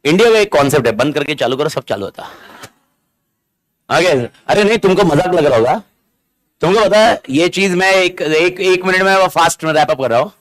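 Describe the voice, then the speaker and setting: High-voiced animated male lecturer. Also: moderate pace. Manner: animated, teasing, repeats key words and asks the class questions. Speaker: accounting exam lecturer. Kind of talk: live classroom lecture streamed online. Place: classroom with students present. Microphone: amplified classroom mic.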